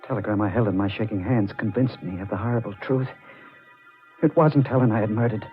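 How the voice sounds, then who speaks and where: An actor playing a tormented, obsessed killer in a 1940s radio drama, narrating with haunted, halting intensity. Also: male voice, on the low side, close to an everyday voice. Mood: horrified. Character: tormented, obsessed male strangler confessing his crimes. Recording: muffled vintage radio with music behind.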